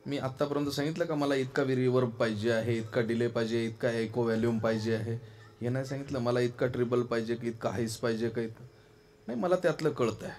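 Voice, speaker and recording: A man preaching a devotional kirtan sermon from a festival stage into a microphone, moving between quiet asides and loud, fervent exclamations. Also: mid-range voice, fast talker. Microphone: stage microphone through a sound system.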